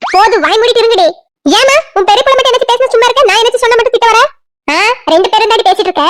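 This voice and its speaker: Woman voicing a village mother, cartoon, Kanyakumari Tamil accent, brisk and scolding, extremely fast talk. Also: very high-pitched.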